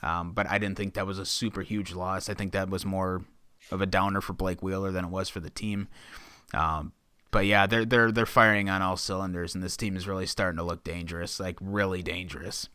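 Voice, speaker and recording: A man's voice: low-pitched, steady tone, brisk, bright, forceful tone, clear, resonant tone, no room sound. A man co-hosting a casual sports podcast, laying out points and steering the talk. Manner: steers the conversation, lays out points. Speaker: podcast co-host.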